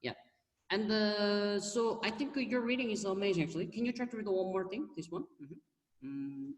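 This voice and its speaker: A man's voice: sits high, normal speed, reverberant, in a large hall, distant mic, rough recording. A man with a Korean accent teaching a language class over a video call, explaining patiently with lots of examples and "okay"s.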